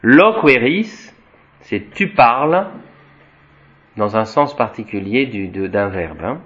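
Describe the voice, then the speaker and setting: A man's voice: fairly low pitch, lively intonation, fairly bright tone. A man teaching a Latin class, reading from a textbook and adding his own remarks, with many restarts and tags like "hein" and "voyez". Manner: slow explanatory, tags sentences with "hein" and "voyez", frequent restarts; spells out Latin words slowly, chanting declensions. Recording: dull lo-fi recording.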